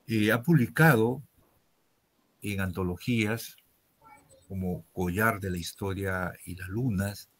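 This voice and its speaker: A man hosting a reading event, introducing the next guest in a halting way with many fillers. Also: low voice, slightly rough, no echo. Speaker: host.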